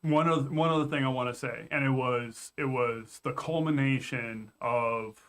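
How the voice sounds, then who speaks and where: A man's voice: mid-range voice, normal speed, a bit bright. A man co-hosting a fan review podcast in casual chat, earnest and given to stammered restarts. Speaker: podcast co-host.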